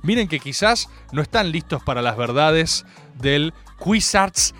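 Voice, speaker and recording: A young man with an Argentine accent hosting a radio show, rambling through stories in an animated, jokey way. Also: on the high side, normal speed, soft background music. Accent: Argentine Spanish. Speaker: radio host. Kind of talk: casual radio monologue.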